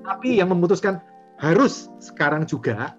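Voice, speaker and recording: A talkative man in his forties tells his story in an easygoing interview, full of fillers, and brings remembered dialogue to life. His voice sits a little high. The audio is dull and lo-fi, with music clearly playing underneath. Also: moderate pace. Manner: animated, acts out remembered dialogue, frequent fillers. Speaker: guest, property and franchise investor.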